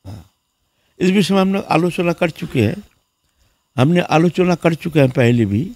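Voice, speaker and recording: Male monk, sermon storyteller, lively rising and falling delivery, dry close sound. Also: fairly high pitch, normal speed, dry recording. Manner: lively storyteller who acts out the people in his story; repeats words and fills with "haan". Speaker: monk preacher.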